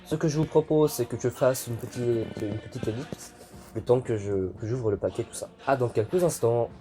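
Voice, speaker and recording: A man's voice: medium pitch, normal speed, dark tone. A young man presenting an unboxing video in a casual, hesitant way, with many fillers. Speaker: YouTuber unboxing militaria. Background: background music.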